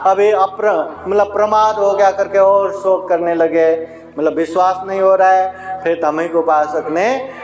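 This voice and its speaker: A man, a Buddhist monk, telling a teaching story in a sermon, slowly, acting out the voices he quotes. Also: high-pitched, fairly even intonation. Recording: echoey hall with faint music.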